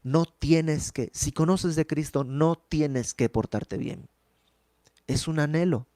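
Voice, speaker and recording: A man's voice: on the high side, takes it slowly, warm tone, dry recording. A man teaching a verse-by-verse Bible study in an earnest, emphatic, conversational way.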